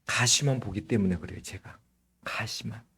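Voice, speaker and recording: A middle-aged man preaching a sermon as pastor, slightly hoarse, telling stories in a lively way and often checking in with the congregation. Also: fairly low pitch, normal speed. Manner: lively storytelling with frequent rhetorical "응?".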